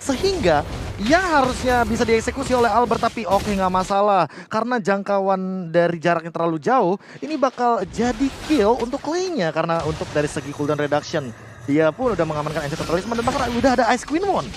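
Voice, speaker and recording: A man's voice: high voice, expressive, brisk, a little hiss or hum. A man with an Indonesian accent giving explanatory, analytical commentary on an esports match.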